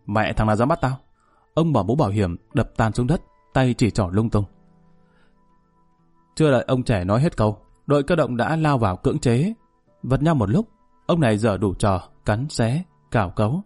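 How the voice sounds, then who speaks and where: A man's voice: medium pitch, animated, moderate pace, a little mellow, husky, no room sound. A man narrating a first-person story in a colloquial, wry way. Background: faint music.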